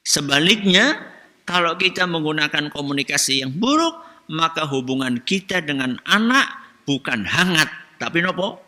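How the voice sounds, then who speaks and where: A man preaches in a religious study lecture, his voice slightly high and piercingly bright. He quizzes his listeners and answers his own questions in a teaching rhythm. Long reverb from a large hall trails every phrase. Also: very animated, moderate pace. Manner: asks the audience questions, then answers them himself. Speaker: Islamic preacher.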